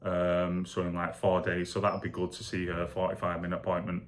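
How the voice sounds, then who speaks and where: A man with a deep voice talks through his day in a casual video diary. He sounds weak and foggy after surgery, with little rise and fall in his delivery. His account rambles along, candid and plain. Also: monotone, a little fast. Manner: rambling, candid, matter-of-fact. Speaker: vlogger recovering from shoulder surgery.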